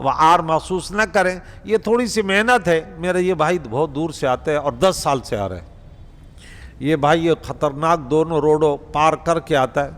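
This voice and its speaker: A man's voice: on the high side, fairly bright tone. A male preacher giving a conversational Quran lesson in a mosque, speaking directly to the congregation. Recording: reverberant prayer hall.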